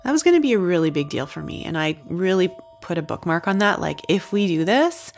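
A woman recounts her own experience in a candid interview, with a loose, conversational delivery full of "like" fillers. Her voice is noticeably low for a woman. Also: sing-song, a little fast, soft background music.

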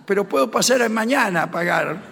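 A man's voice: high voice, expressive, normal speed, creaky, big-room sound. A man with a Rioplatense Argentine accent doing improvised comic banter on a radio show, rambling and acting out the voices in his stories. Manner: rambling, acts out quoted voices with shouts and laughs.

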